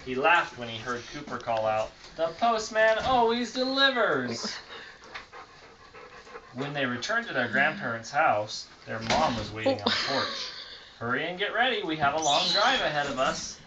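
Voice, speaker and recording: With crowd noise in the background, a father reads a bedtime picture book to a small child at home, stopping to respond as the child points to the pictures. His voice sits on the high side and is very animated at a moderate pace. It's a noisy phone recording with the highs cut off.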